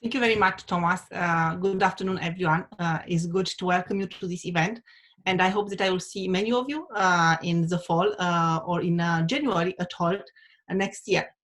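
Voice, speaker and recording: A woman's voice: on the low side, fairly even intonation, normal speed, fairly bright tone. A woman from Romania, presenting as a university dean on a video call, with hesitant speech full of fillers. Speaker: undergraduate dean. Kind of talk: webinar presentation.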